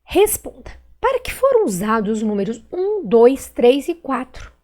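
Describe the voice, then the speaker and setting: A woman's voice: high-pitched, very animated, unhurried, warm tone. A female primary school teacher from Brazil with a Minas Gerais accent, correcting exercises in a recorded online class and stretching out words and syllables patiently. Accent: Brazilian Portuguese, Minas Gerais.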